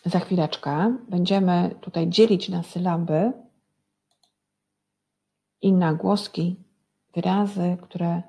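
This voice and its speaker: Slow patient woman teacher, lowish gravelly voice, breaks words into sounds for kids. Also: fairly even intonation, mellow. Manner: patient, guides the class to repeat after her. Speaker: primary school teacher. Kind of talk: recorded lesson for young children.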